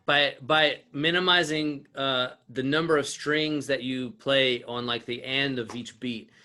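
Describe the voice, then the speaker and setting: Relaxed man teaching guitar online. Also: mid-range voice, measured pace. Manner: relaxed, explains with many restarts and fillers; counts beats aloud while strumming. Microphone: video call. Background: acoustic guitar.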